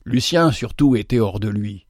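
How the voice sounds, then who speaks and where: A man reading a novel aloud in a measured, expressive manner. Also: lowish voice, no room sound, studio quality. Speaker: narrator. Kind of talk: scripted narration of a novel.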